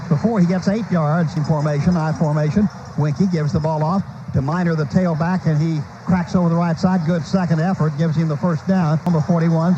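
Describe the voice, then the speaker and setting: A high-pitched American play-by-play announcer calls live football on radio from a stadium booth. He speaks in clipped, running phrases that swell on big plays, heard through a muffled, noisy old broadcast.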